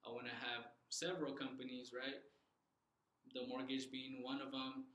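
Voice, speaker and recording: Young male interviewee, earnest, halting with fillers, bright voice, echoey room. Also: mid-range voice, level tone. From Southern California. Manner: earnest, many fillers and restarts. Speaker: loan officer guest. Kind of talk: casual interview.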